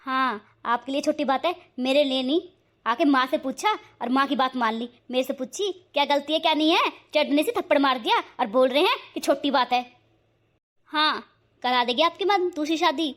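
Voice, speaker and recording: A woman doing a shrill, hot-tempered young wife. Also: normal speed, fairly bright tone. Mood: angry. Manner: shrill, scolding, sarcastic. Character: harsh scolding young wife, quick-tempered. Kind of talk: cartoon voice acting.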